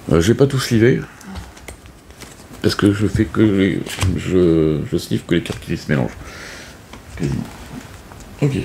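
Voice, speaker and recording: A man's voice: deep voice, gravelly, a little mellow, slight background noise. A man casually explaining a board game setup, hesitant with many fillers and restarts. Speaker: board game video host. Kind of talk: casual unscripted game tutorial.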